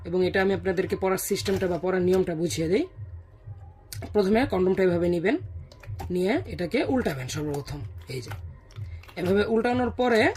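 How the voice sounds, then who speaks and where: A seller with a husky voice giving a casual, explanatory product demonstration and often checking in with listeners. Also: medium pitch, fairly quick, pauses often, darkish tone. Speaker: product seller presenting a sales video.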